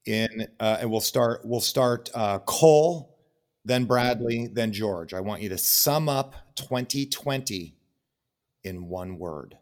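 A man's voice: lowish voice, slow pace. A man hosting a podcast, chatting casually in an easygoing, loose way and laughing often. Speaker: podcast host. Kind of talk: casual chat.

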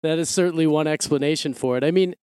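Clear, dry-sounding American man hosting. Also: a little high, quick pace, a little mellow, dry recording. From Milwaukee, Wisconsin, USA. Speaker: podcast host. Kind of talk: scripted podcast narration and co-host chat.

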